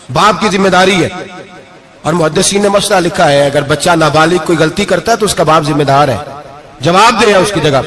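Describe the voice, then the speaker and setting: A man's voice: sits high, fairly bright tone. A male preacher, giving an emotional sermon and putting questions to the congregation. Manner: rhetorical questions to the congregation, rising to emphatic peaks.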